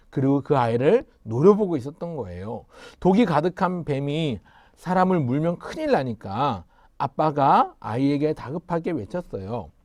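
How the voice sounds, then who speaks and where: A man's voice: on the high side, a little mellow, no room sound, clean studio sound. A man preaching to young children in a sermon, leading call-and-response and asking them questions. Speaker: pastor.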